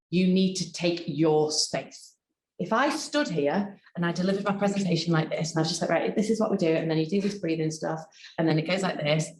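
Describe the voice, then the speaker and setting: A woman, a personal development coach, giving a workshop presentation in an expressive, deliberate coaching tone. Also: fairly low pitch. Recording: roomy echo.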